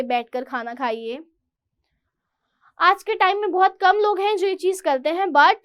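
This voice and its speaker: High-voiced woman teacher. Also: fairly bright tone. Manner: reads English lines slowly, then explains in Hindi. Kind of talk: chapter explanation lesson.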